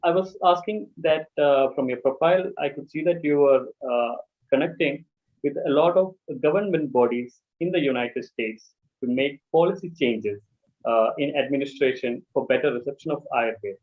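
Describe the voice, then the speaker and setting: A man moderating an interview over a video call, speaking haltingly through a poor, dropping internet connection. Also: medium pitch. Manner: halting, many filler sounds. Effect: choppy, dropping internet connection. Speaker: webinar moderator. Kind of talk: hesitant interview questions. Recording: tinny, lo-fi video call line.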